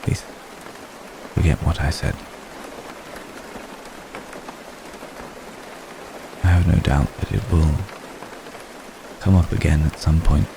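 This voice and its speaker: Steady rain patters behind a man playing a lovestruck, centuries-old vampire gentleman for an ASMR roleplay. His rumbling low voice sounds gentle and concerned, and the intimate monologue comes out formal, halting, soft-spoken, apologetic, and tender, each phrase carefully chosen.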